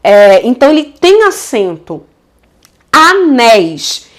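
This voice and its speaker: A Brazilian woman teaching a casual video grammar lesson, affectionate and lively, often checking in with her students and drawing out example words slowly. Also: a little high. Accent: Brazilian Portuguese.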